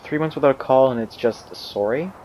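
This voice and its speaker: Sassy phone mom, guy reading her lines from a game, teasing, kinda quiet, middle pitch. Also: fairly quick, a little hiss or hum, lightly acted. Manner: sarcastic, teasing. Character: sarcastic middle-aged mother on the phone. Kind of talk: reading game dialogue aloud.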